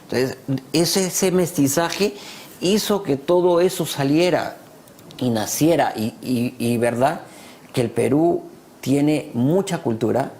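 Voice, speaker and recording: A Peruvian guest on a talk show takes it slowly, his fairly high, slightly mellow voice carrying a Peruvian Spanish accent and a touch of hiss or hum. He speaks with pride and emphasis in the passionate discussion, repeating phrases to drive his points home.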